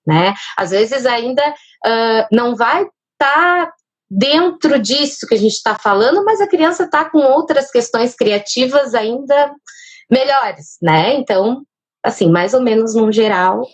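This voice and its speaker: A woman's voice: a little high, animated, measured pace. A woman explaining child speech development on a live stream, with a manner full of fillers. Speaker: speech therapist guest.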